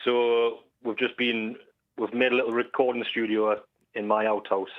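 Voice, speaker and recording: A man's voice: mid-range voice, flat delivery, normal speed. A man with a North East England accent chatting casually and colloquially as a caller on a radio phone-in, over a phone line. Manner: colloquial, frequent "you know" and "aye". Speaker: phone-in caller, band singer. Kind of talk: casual chat. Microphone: telephone call to radio show. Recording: muffled, narrow phone line.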